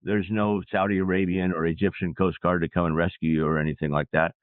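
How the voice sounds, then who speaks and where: A man as an interview guest, a sailor and public speaker, telling his story in a reflective, measured way. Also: deep voice, level tone, dry recording. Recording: dry, phone-like line.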